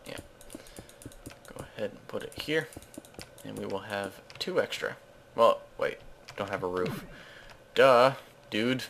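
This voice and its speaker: Gaming host, male, lowish gravelly voice, loose self-correcting chatter over gameplay, faint keyboard clatter behind. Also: animated, measured pace, pauses often, fairly bright tone, slight background noise. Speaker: Let's Play host. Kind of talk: casual gameplay commentary.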